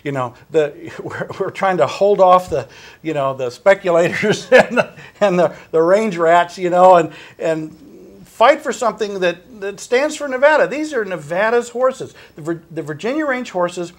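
High-voiced man, animated and urgent. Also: normal speed. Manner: animated, urgent, repeats phrases and restarts. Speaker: wild horse advocate. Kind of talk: on-air discussion.

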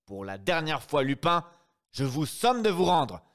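A man reading aloud voices a police sergeant who shouts his orders in a raised, forceful voice. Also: fairly high pitch, big pitch swings, unhurried, voice pushed up, full character voice. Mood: commanding. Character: loud, urgent police sergeant, adult man.

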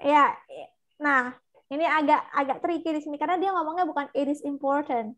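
A woman with a high, light voice teaches English over a video call. She talks briskly and encouragingly, switching between explanation and calling on students. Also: a bit bright. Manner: brisk, encouraging, calls out names. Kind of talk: online class mixing English and Indonesian.

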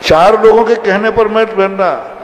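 A man's voice: high-pitched, unhurried. A male preacher delivering a sermon to his followers, exhorting them and repeating phrases for emphasis. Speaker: religious preacher. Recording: echoey hall, faint ambience.

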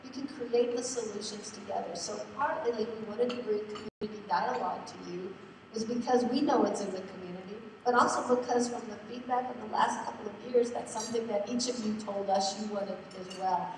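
A woman with a head cold and a squeaky voice, chatty and self-deprecating, giving a conference welcome as host. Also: brisk, noisy background. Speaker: conference host, foundation executive director. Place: large conference hall. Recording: echoey hall from far off.

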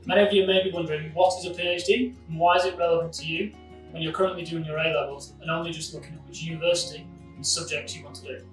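A man from Lancaster in England, a postdoctoral researcher, giving a brisk, clear explanation to camera. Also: a little high, steady tone. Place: university lab, indoors. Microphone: camera at a distance. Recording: echoey lab with distant mic, guitar music behind.

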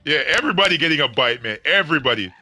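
Young man, game livestreamer, casual chat, slangy and joking, bright tone, lively swooping pitch. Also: very fast. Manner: animated, joking, laughs often, slangy.

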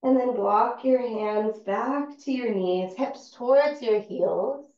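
A woman teaching a yoga class, calmly and steadily talking students through each movement. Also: fairly high pitch. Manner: calm, unhurried cueing of movements. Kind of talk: guided yoga class instruction. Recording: far-off, echoey, dull-sounding room recording.

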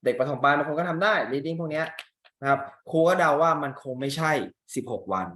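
A man's voice: fairly high pitch, steady tone, a little fast, pushed and bright. Chatty Thai male English teacher. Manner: chatty, asks students rhetorical questions. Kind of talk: explaining a reading exam. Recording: echoey room.

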